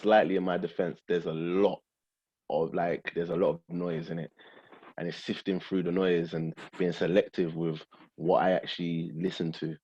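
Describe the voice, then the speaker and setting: A man's voice: sits low, flat delivery, normal speed, a little mellow, breathy edge, muffled recording. A man chatting casually and in slang as a podcast host about music. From Essex, England. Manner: slangy, informal.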